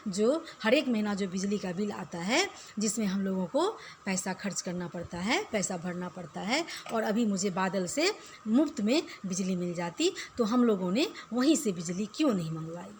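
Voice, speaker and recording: A woman's voice: mid-range voice, lively intonation, moderate pace, slight background noise. A young woman teacher explaining a school poem, reciting the verses in a sing-song voice and then explaining them in a casual way, often repeating phrases.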